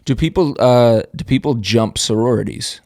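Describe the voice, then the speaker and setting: A man's voice: medium pitch, normal speed, a little mellow. A man co-hosting a podcast, asking curious questions in casual chat.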